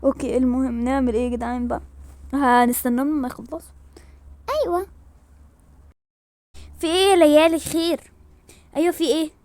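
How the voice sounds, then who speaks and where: A woman with an Egyptian accent telling a doll story, talking briskly in chatty dialogue between characters. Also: high-pitched, steady tone, a little mellow, dry recording. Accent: Egyptian Arabic. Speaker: storyteller voicing dolls. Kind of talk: doll story role-play.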